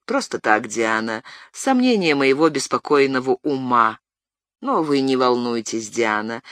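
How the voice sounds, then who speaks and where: A troubled young nobleman pours out anguished, brooding lines in an audiobook, voiced by the reader a little lower than their own voice. His pitch still rises and falls with strong feeling, and the sound is dry and close. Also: a bit bright, dry recording. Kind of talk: audiobook narration.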